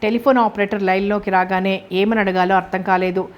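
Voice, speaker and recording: A woman reading a novel aloud as an audiobook narrator. Her voice sits at a middle pitch and stays flat and even, with a steady, scripted delivery. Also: a little fast.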